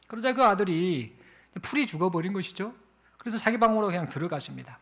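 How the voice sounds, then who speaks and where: Animated male pastor with a high, gravelly voice. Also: fast talker. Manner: animated storytelling with acted-out quotes. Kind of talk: sermon storytelling.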